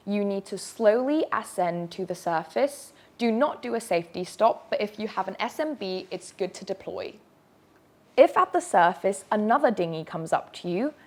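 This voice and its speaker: Woman instructor with a medium-pitched voice. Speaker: dive briefing presenter. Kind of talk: instructional video narration.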